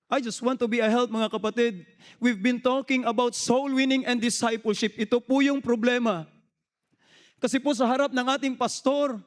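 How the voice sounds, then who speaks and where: A man preaching a sermon in a storytelling way, respectful and mixing in English phrases. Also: very high-pitched. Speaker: lay preacher.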